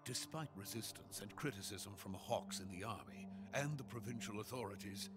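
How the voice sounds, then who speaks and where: An actor playing an anxious middle-aged Soviet scientist in a video game cutscene, speaking in a formal, deliberate, earnest way. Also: male voice, fairly low pitch, close to an everyday voice. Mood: grave, urgent.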